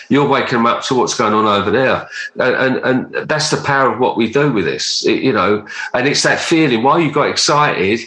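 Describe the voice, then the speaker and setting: Male podcast host, forceful bright tone, earnest rambling conversational delivery, echoey room. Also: mid-range voice. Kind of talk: casual conversational interview. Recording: roomy echo.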